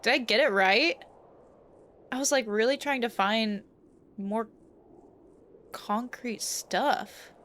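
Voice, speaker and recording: A woman's voice: fairly high pitch, slow, long pauses, a bit bright, slight background noise. A woman playing a game in a casual way, thinking aloud and muttering to herself. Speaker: game player. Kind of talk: casual play-through with reading aloud. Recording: music behind the voice.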